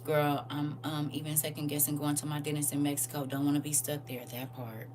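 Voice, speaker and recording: Low-voiced woman hosting a lively livestream. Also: a little fast, distant mic, background noise. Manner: animated and teasing, reads chat aloud. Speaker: livestream host reading viewer comments. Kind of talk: casual livestream chat.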